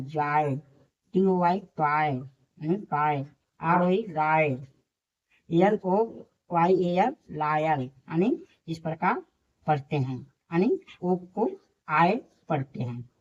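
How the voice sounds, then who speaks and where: A woman teacher walks through a lesson at a very slow, deliberate pace, repeating each point with patience. Her voice sits a little low. The recording sounds dull and lo-fi. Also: darkish tone.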